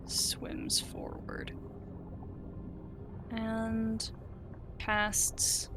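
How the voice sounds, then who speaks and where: A woman narrating as game master of a tabletop game, describing scenes in a measured way. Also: on the high side, completely flat delivery, over music.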